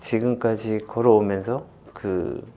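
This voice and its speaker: A man in his fifties, a football coach, talking through memories in an interview with many pauses and fillers. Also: lowish voice, fairly even intonation, mellow, lo-fi sound. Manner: halting and reflective, many fillers, laughs while retelling. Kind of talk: candid interview.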